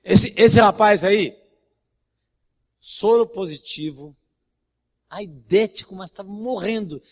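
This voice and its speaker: Brief: Brazilian Portuguese-accented male pastor, high voice, emphatic and blunt, repeats lines, reverberant hall. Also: slow pace, darkish tone. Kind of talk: sermon with anecdotes. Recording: long church-hall reverb.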